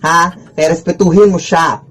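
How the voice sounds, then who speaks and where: A performer playing a bossy, fussy mother in a comedy skit, scolding her child in quick exclamations. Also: mid-range voice, steady tone, fairly bright tone, slight background noise, close to an everyday voice. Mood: matter-of-fact.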